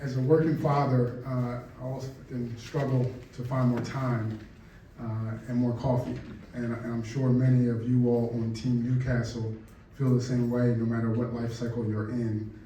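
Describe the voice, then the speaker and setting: A man speaking as a council member, earnest and pausing with fillers. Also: mid-range voice, flat delivery, mellow, a little hiss or hum. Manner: earnest, with fillers and repeated words. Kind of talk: council remarks. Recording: echoey council chamber, distant mic.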